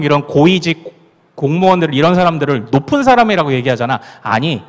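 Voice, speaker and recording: Male pastor with Gyeongsang accent, family sermon, playful, lively up-and-down delivery, echoing hall. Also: a little high. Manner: playful, acts out dialect lines and laughs. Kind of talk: family prayer-meeting sermon. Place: church sanctuary. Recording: long hall reverb.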